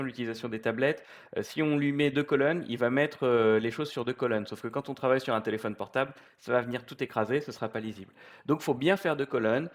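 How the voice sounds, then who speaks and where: A middle-pitched man talks through a software tutorial off the cuff while working on screen, recorded on a computer mic. He's relaxed and explanatory but hesitant, with frequent pauses, fillers and restarted sentences.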